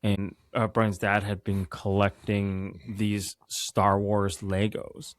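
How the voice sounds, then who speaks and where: A man co-hosting a casual podcast, talking in a slow, laid-back way. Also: on the low side, monotone, dry recording, studio quality. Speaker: podcast co-host. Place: home setup in Amsterdam.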